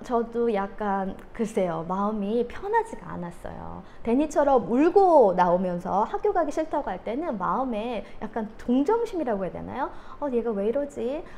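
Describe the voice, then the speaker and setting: Casting: woman in her thirties, animated parenting storyteller, slightly high voice, faint room noise. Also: moderate pace, vocal fry, hardly any pauses. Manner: animated, acts out her children's voices with laughter. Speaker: parenting educator. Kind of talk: storytelling talk.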